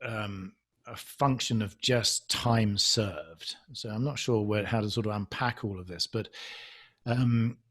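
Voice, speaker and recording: A man's voice: lowish voice, slow, fairly bright tone. A man from England, a podcast guest reflecting on his career in a hesitant, self-deprecating way, full of ums and restarts. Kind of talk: casual conversational interview.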